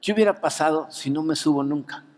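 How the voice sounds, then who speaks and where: A male pastor with a Mexican Spanish accent, preaching an anniversary sermon as an animated storyteller who keeps adding "¿no?" to his lines. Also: a little high, quick pace. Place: church auditorium. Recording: long reverb of a church hall.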